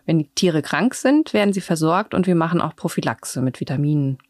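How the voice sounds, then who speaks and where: A woman's voice: sits low, expressive, brisk, a little mellow, no echo, studio quality. A woman reading a scripted voice-over translation of an interviewee's answers.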